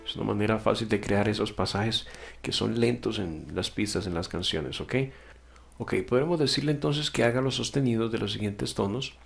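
Gravelly low-voiced man teaching software. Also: moderate pace, over music. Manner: patient step-by-step explaining, frequent self-corrections and "ok?" check-ins. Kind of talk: screen-recorded software tutorial.

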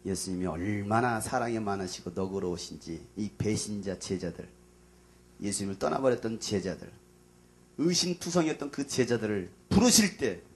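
A man preaching to a youth gathering as their pastor, dramatic and casual, swinging between loud outbursts and near whispers. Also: lowish voice, a little hiss or hum. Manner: casual, plain speech to young listeners.

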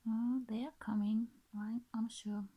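A Finnish woman in her thirties introduces her vlog channel, talking casually to camera without a script in short, halting, breathy phrases with a Finnish accent. Her voice is a little high and flat, recorded in a small bedroom on a built-in device mic close to her face, with muffled sound.

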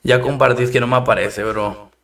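A man's voice: mid-range voice, fairly even intonation, a little fast, a bit bright, far from the mic. A man with a Mexican accent, streaming a game live, chatting in slang and thanking viewers between rounds.

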